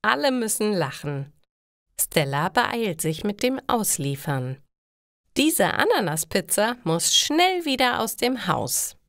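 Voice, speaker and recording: A woman narrating short stories for German learners with clear, deliberate scripted reading. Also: medium pitch, sing-song, fairly bright tone, no room sound, studio quality.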